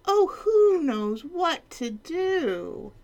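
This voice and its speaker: Woman doing a frantic little page boy, squeaky high yelps, all over the place. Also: big pitch swings, very slow, a little mellow, highs cut off, heavily acted. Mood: fretful. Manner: shrill frantic cries. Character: panicked young page boy.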